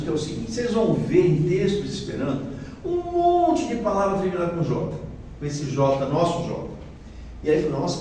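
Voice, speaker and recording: Far from the mic in a very echoey large hall with faint noise, a guest lecturer at a spiritist center talks through his slides. He has a Brazilian Portuguese accent, a fairly high, slightly mellow voice, and a chatty, explanatory style that often checks in with listeners.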